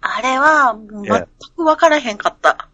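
A woman's voice: high voice, lively intonation, measured pace, sharp tone, no echo. A woman in a casual chat about a video game, giggling often and hesitating as she recalls things.

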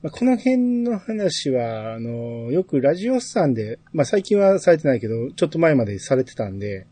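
A man's voice: mid-range voice, very animated, moderate pace, dark tone. A man chatting casually as the host of a podcast. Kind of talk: casual chat.

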